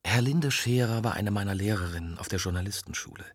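A man's voice: fairly low pitch, fast talker, slightly rough, dry recording. A man voicing a stubborn young woman journalist who presses and pleads insistently, in an audiobook. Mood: pleading. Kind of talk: audiobook dialogue.

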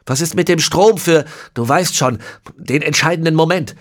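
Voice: mid-range voice, normal speed, pitched above the performer's own voice, lightly acted. A reader voicing a sullen, scornful teenage boy in a raised, sneering voice, from an audiobook.

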